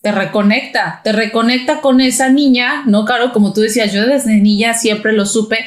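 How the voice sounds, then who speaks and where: A woman with a Mexican accent hosting a casual talk, lively and chatty, often mimicking other people's voices. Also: a little high, moderate pace. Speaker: podcast host. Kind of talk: casual conversation. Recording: echoey room.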